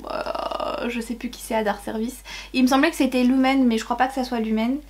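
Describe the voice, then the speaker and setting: A woman's voice: fairly high pitch, steady tone, brisk, darkish tone. Chatty young woman gushing over books. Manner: gushing, exclamatory over book covers; chatty, rambling with hesitations. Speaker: book YouTuber. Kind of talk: casual unboxing chat.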